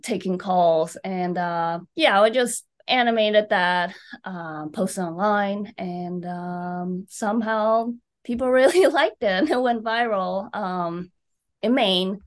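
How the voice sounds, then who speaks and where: A woman from Taiwan, an illustrator, telling her story in an interview in an unhurried, thoughtful way. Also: medium pitch. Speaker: guest illustrator.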